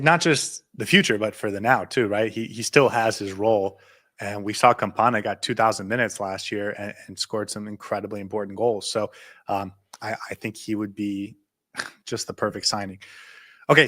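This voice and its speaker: A man co-hosting a casual podcast, talking excitedly and quickly until he runs short of breath. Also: fairly low pitch. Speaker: podcast co-host. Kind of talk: casual chat.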